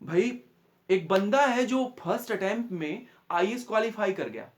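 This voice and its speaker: Earnest high-voiced man giving a pep talk. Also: lively intonation, normal speed. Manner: earnest, acts out neighbours' taunts and warnings. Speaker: maths teacher giving a motivational talk. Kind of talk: motivational talk to students.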